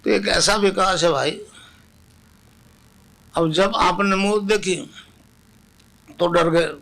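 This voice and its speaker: Older Rajasthani guru addressing a crowd, high pitched with a rough gravelly edge. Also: male voice, fairly even intonation, takes it slowly, a bit bright. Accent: Rajasthani Hindi. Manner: chants mantra aloud with audience; speaks to a gathered audience. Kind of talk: spiritual discourse.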